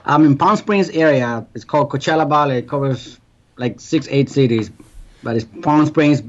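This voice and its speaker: A man from Guatemala, a guest answering interview questions in a relaxed way, with lots of fillers. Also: mid-range voice, moderate pace, dull audio. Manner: relaxed, conversational, many "you know" fillers.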